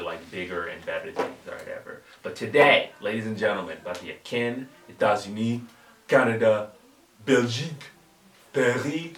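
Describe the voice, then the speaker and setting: A man's voice: fairly low pitch, fairly bright tone. A man hosting a podcast, chatty and enthusiastic, often affirming his guest. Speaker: podcast host. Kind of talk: casual interview. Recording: roomy, distant mic, faint noise.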